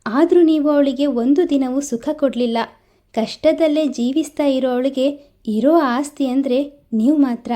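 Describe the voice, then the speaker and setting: A woman's voice: high voice, normal speed, mellow, lightly acted. A woman voicing a kind, caring village woman who talks earnestly like an elder sister in a storybook reading.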